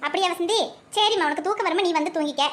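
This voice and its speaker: A woman voicing a gruff, impatient working husband in a cartoon, with a Kanyakumari Tamil accent, barking orders. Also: very high voice, racing, a little hiss or hum.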